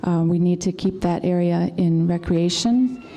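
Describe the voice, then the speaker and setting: A woman candidate answering a forum question in a measured, methodical way, going through each point in turn. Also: on the low side, mellow. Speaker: political candidate. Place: indoor community meeting room.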